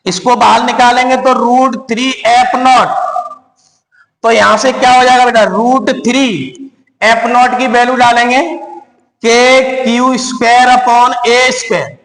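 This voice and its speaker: A man teaches physics at a board in a high, carrying voice. He quizzes his class and answers his own questions, calling the students "beta" as he goes. The sound bounces around a roomy space with a long reverb. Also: level tone, measured pace, fairly bright tone. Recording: echoey room.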